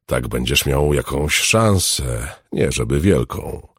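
A low-voiced man playing an alchemist swordsman who speaks with quiet, deceptively mild menace, a little higher than the reader's own voice. The tone is husky and dry, heard close up. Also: takes it slowly, no echo, exaggerated voice. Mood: calm menace. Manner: calm, deceptively gentle, then commanding. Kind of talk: audiobook character reading.

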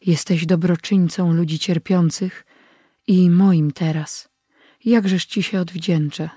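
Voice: medium pitch, fairly even intonation, takes it slowly, dark tone, slightly rough, dry recording, studio quality. An audiobook reader voicing a wounded young Berber man who speaks in a weak, faltering voice.

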